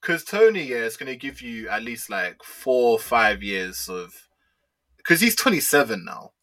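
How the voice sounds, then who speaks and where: A man's voice: mid-range voice, very animated, a little slow, bright, forceful tone. A young man with a London roadman accent, debating football casually in slang peppered with "bro", "man" and "yeah". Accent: London, urban street slang (roadman).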